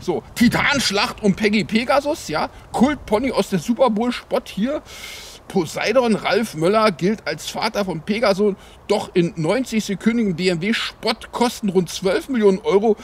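High-pitched, animated male parody news anchor. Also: moderate pace, husky. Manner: mock-naive, sarcastic, rambling with repeated "ja". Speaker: host of a satirical news show. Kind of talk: parody news anchor, improvised satirical headline commentary. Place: outdoors in the cold.

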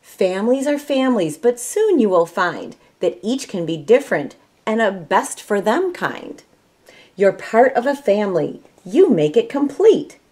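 Indoors in a small room at home, a middle-aged Michigan woman volunteers her time reading storybooks aloud to children. Her medium-pitched voice is warm and sing-song, her pace measured, and her Midwestern accent comes through in the expressive, storyteller-style delivery.

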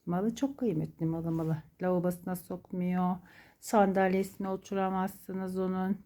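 A woman's voice: lowish voice, flat delivery, normal speed, dark tone. A woman talking to her pet at home, cooing pet names in baby talk and chatting about its habits. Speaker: pet owner.

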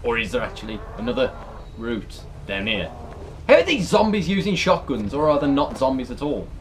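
A British let's player, a man around his thirties, reacts to a horror game with casual, sweary, exasperated commentary. His mid-range voice swings widely in pitch at a normal speed. Background noise and game ambience come through clearly.

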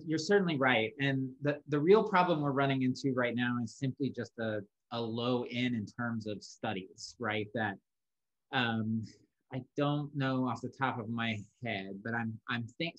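A man in his thirties answers questions on an online academic panel from his home office. He talks in a measured, hedging way, often pausing to rethink his words. His pitch sits in a middle range for a man. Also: fairly bright tone, muffled recording. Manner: measured, hedging with many fillers and restarts. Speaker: panelist, sociologist.

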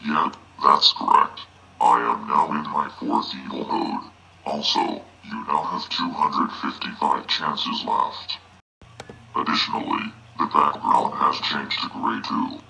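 A man's voice: extremely low pitch, slow, creaky, bright, forceful tone, exaggerated voice, rough recording. A synthetic male voice playing a menacing robotic error entity that announces penalties. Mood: gloating.

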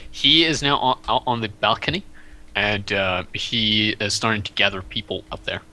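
A man's voice: lowish voice, expressive, normal speed, pushed and bright, low-quality recording. A man running a tabletop game as game master, describing scenes hesitantly with many fillers and restarts. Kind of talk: narrating a tabletop game over a stream.

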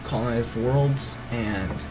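A man plays through a strategy game's menus in a casual let's-play walkthrough, his groggy voice sitting at medium pitch and moving slowly. He sounds hesitant and rambles, with plenty of ums and self-corrections. Music plays behind him, and the recording quality is low.

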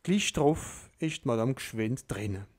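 A man reads a dialect story aloud. His pace is very slow and deliberate, in a mid-pitched voice. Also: expressive, darkish tone.

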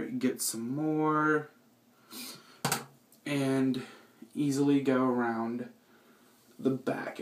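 A man giving an informal, self-deprecating how-to in a casual vlog style, with bathroom echo on his voice. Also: mid-range voice. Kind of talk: casual chatty tutorial. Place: indoors in a small bathroom. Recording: echoey bathroom reverb.

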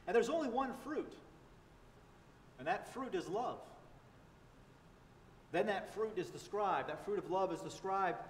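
A man's voice: high voice, recorded from a distance, slight background noise. A man preaching a sermon as pastor, earnest and emphatic, repeating key phrases. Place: large church sanctuary. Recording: echoey church livestream from afar.

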